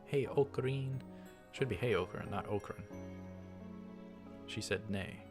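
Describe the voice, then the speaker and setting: Over music, a man of medium pitch reads through a visual novel for a let's play at a moderate pace. He voices each line of narration and dialogue along with its tags, dropping in offhand remarks as he goes.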